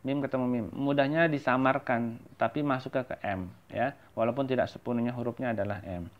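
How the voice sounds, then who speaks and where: A man teaching Quran recitation. He chants verses slowly, then explains them quickly in a softer voice. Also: medium pitch. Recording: tinny phone-like audio.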